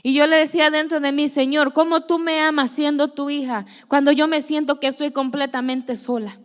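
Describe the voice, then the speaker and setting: A woman's voice: sits high, steady tone, normal speed, in a large hall. A young woman preacher giving an earnest testimony sermon, telling her story and acting out conversations. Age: young adult. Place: church.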